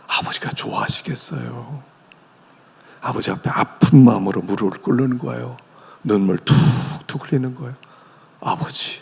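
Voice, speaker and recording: A man, a senior pastor, preaching a sermon in a church sanctuary with animated storytelling. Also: medium pitch, vocal fry, breathy edge. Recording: long church-hall reverb.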